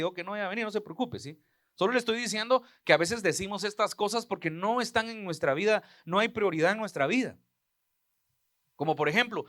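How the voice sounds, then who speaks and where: A man's voice: sits high, a bit bright, dry recording, studio quality. A man preaching a sermon as pastor, emphatic, turning to the congregation with frequent asides.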